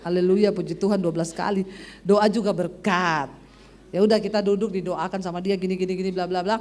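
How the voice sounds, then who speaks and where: A woman pastor, preaching through a lively personal story and acting out the dialogue with humor. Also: on the low side, fast talker. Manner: animated, acts out dialogue with humor. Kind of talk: sermon storytelling.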